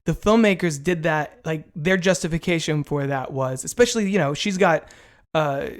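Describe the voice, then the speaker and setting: A man with a fairly high voice speaks as a guest on a film podcast. He explains his points in a measured, careful way and adds short words of agreement while the host talks. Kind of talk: casual movie chat.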